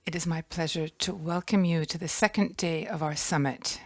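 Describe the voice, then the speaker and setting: A woman's voice: deep voice, fairly even intonation. Woman giving a formal welcome. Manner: gracious, formal, listing guests with pauses. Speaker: conference host. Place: conference hall.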